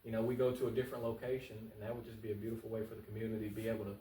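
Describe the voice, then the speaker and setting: A man with a lowish, warm voice delivers his words completely flat and rapid-fire. He answers interview questions as a political candidate in a colloquial, conversational way, emphatic and repetitive to stress his points. The recording is echoey, the mic distant, the noise faint.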